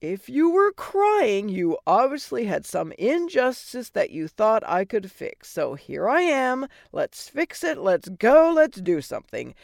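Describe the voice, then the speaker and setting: A woman voicing a bossy, sarcastic fairy godmother who talks loudly and bluntly. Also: on the high side, wildly swooping pitch, measured pace, creaky, few pauses, no room sound, clean studio sound, exaggerated voice.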